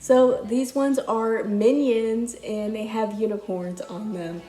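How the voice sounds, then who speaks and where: Young woman rambling about her thrift finds, mellow voice, roomy echo. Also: a little high, fairly even intonation, takes it slowly. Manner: chatty, rambling, many fillers and restarts. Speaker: vlogger. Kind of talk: casual haul chat. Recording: echoey room with faint music. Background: faint music.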